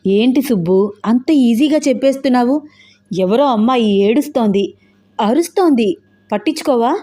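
A woman's voice: a little high, expressive, moderate pace, mellow, lightly acted. A woman voicing an indignant, protective young man in an audio novel, speaking with pressing, demanding questions.

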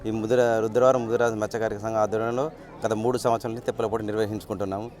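A man with a Telangana Telugu accent talks quickly to reporters outdoors. He is a fisherman and organiser, and he speaks plainly and informally, often starting over. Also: fairly low pitch, little pitch movement, a little mellow. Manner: plain-spoken, with restarts and dialect words. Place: outdoors at a lakeside event.

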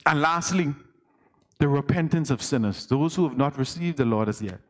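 A man's voice: on the high side, animated, normal speed. A man with a Bahamian accent, an elder preaching a conversational sermon and asking the congregation questions.

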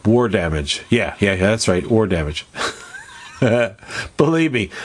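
Stuffed-up, low-voiced man at a workbench. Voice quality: stuffed-up, nasal. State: congested from allergies. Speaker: host of a model-building tutorial. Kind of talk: casual hands-on demonstration. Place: indoors at a hobby workbench.

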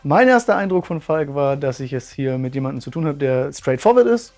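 A man in his 30s who owns a martial arts school recounts his story for a testimonial interview, sounding earnest and thoughtful with lots of fillers. His fairly high, darkish voice is animated and brisk, soft music plays in the background, and he sits indoors in a bright, curtained room.

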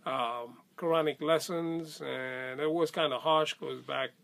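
A middle-aged man from Senegal, recounting his life story in a casual, hesitant way with many pauses and restarts. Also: fairly high pitch, steady tone, creaky, fairly bright tone. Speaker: convert telling his story. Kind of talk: casual spoken testimony.

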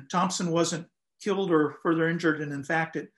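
An older man calmly recounting a historical event in a measured, explanatory way, with frequent ums and uhs, speaking from home over a video call. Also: a little high. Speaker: lighthouse historian guest. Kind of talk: conversational historical account. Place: home room, indoors.

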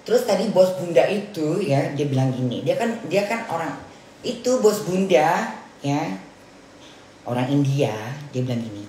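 A woman's voice: low-pitched, sing-song, moderate pace, dark tone. A woman from Indonesia casually telling a story on her vlog, talking chattily with lots of repetition and acted-out dialogue. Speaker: vlogger. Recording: roomy echo with faint ambient noise.

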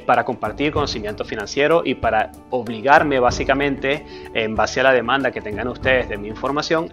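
A man, introducing himself to camera in a steady, earnest way with frequent fillers. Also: mid-range voice. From Venezuela. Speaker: personal finance YouTuber. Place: dark studio with a screen backdrop.

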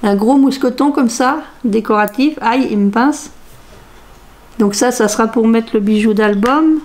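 A woman's voice: fairly high pitch, a little slow, darkish tone. Musing, sing-song middle-aged woman. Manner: musing aloud, sing-song repeated phrases while searching. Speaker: crafts vlogger. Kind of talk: casual talk to camera showing craft-fair purchases. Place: home craft room, indoors.

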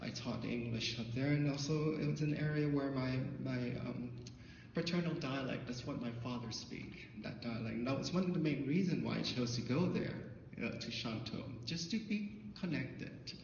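Speaking haltingly with frequent fillers and restarts, a middle-aged artist from Thailand, Thai his first language, shares personal stories at a symposium. His medium-pitched voice sounds gravelly and somewhat dark. He holds a handheld mic in a dim, large hall with a projector screen, captured from afar, so the audio is muffled and dull with a long echo and light hiss.

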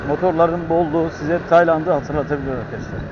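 Man vlogging over loud scooter noise. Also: fairly high pitch, fast. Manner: addresses viewers as friends repeatedly. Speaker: motovlogger. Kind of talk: casual vlog commentary while riding. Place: outdoors on a moving scooter in town streets. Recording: dull lo-fi, loud engine and traffic noise. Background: engine, traffic and street noise.

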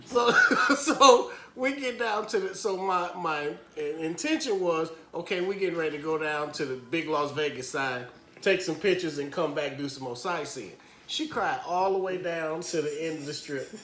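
A man's voice: on the high side, moderate pace, sharp tone, a little hiss or hum. A middle-aged man co-hosting a casual chat, telling a story with lots of laughter and acted-out quotes. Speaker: dad co-host. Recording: echoey room.

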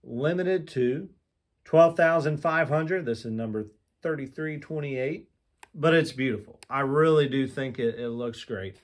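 A man's voice: medium pitch, unhurried. A man reviewing a collectible lighter in a casual vlog, talking candidly and with enthusiasm, often restarting his sentences. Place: room with shelves of lighters on display, indoors.

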